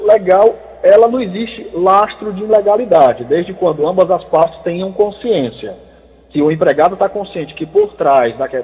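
Man explaining law over the phone. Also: fairly high pitch. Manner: measured, explanatory. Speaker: labor lawyer guest. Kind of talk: expert answering on a radio call-in show. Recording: thin phone line with long reverb.

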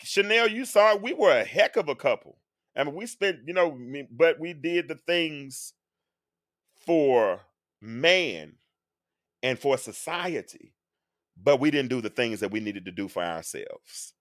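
Speaking unhurriedly with lively intonation, this man in his forties hosts a live-stream talk and is interviewed as a show host. He sounds earnest like a preacher and now and then breaks into song. His mid-range voice comes through in studio quality with no room sound.

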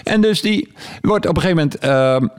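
A man in casual conversation, telling animated stories from his work as a stage performer and acting out what people said. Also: on the high side, brisk, clean tone. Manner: animated storytelling with quoted voices.

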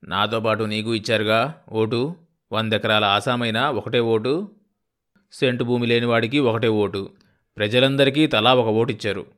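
A man's voice: on the low side, fairly even intonation, normal speed, fairly bright tone, natural voice. A male narrator voicing a persuasive, argumentative village man who lectures about voting and self-rule. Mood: lecturing.

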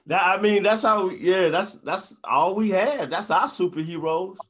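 A man's voice: high voice, measured pace, a bit bright. A man with an American accent interviewing casually, agreeable and slangy, swearing freely. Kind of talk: casual chat.

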